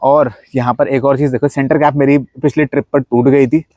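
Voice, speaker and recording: This young man's voice is medium-pitched, level and mellow, a little fast, with no echo. Speaking with an Indian accent, he casually walks around his modified car, pointing things out and chatting in mixed Hindi and English.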